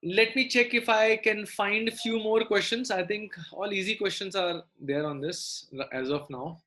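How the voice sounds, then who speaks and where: Female online maths tutor, South Indian accent, mid-pitched, instructive, repeating key points and checking that the class follows. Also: normal speed, a bit bright. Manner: repeats phrases, checks in with students often. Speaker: maths teacher. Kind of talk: live online lesson, explaining and prompting students.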